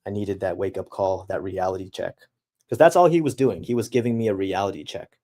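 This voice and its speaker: Young guy, slightly low voice, halting and reflective as he reads and answers chat. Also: mellow. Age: young adult. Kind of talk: casual chat.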